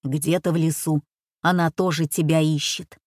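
A woman voicing Van, a tense, commanding man, with a low, hushed, urgent voice in an audiobook. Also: fairly even intonation, moderate pace, no room sound, studio quality. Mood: steady firm. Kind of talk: audiobook character voice.

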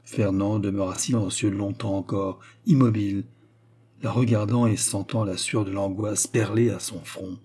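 A man narrating a classic novel in a measured, expressive reading. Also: on the low side, slightly rough. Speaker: audiobook narrator.

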